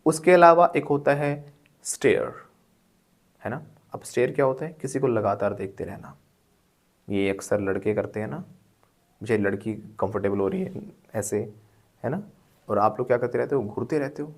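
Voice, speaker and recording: A man's voice: mid-range voice, moderate pace, pauses often. A man with an Indian accent teaching English word use in a lesson, explaining step by step, repeating words to drill them and asking checking questions.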